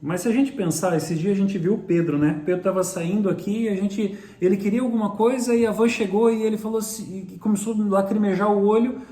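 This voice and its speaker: A fast-talking man from Brazil, co-hosting a casual mentoring talk and sharing reflective personal anecdotes. His voice sits a little high and rings in an echoey room. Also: steady tone, warm tone. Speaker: co-host of a mentoring live stream.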